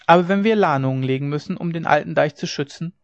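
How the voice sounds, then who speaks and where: A man reading the part of a stern, worried middle-aged dike reeve in a grave, measured voice. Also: on the high side, dry recording, close to an everyday voice. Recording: dry, dull lo-fi recording.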